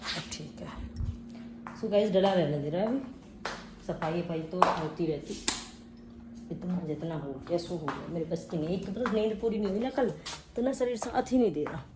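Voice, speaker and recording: A woman's voice: on the low side, moderate pace, long pauses, background noise. A young woman chatting casually to her vlog viewers at home, talking about her day and coaxing her sleepy child. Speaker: vlogger. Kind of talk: casual daily vlog chat. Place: home indoors.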